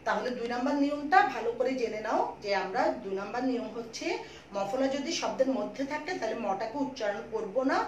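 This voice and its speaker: A fairly high-voiced woman teacher with a Chittagonian Bangla accent walks students through a lesson, repeating each rule slowly and patiently. She sounds a little distant from the mic. The room is echoey, with a faint hiss behind her. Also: a little mellow. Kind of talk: online school lesson.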